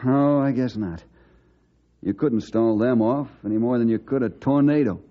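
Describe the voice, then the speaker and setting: A man's voice: medium pitch, normal speed, natural voice. Man playing earnest ranger, muffled vintage radio. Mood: respectful, worried. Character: earnest, steady forest ranger hero. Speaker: lead ranger. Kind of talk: old-time radio adventure acting. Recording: muffled, noisy old radio recording.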